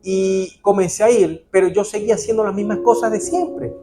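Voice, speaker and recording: Guy preaching in church, earnest, fairly high voice, music going behind him. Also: moderate pace. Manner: earnest, addresses the congregation as brother. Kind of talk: sermon.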